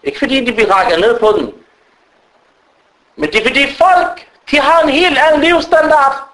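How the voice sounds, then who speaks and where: A man's voice: very high voice, rough recording. A male preacher giving a sermon, telling stories and acting out the people in them. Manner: animated storytelling that acts out quoted people.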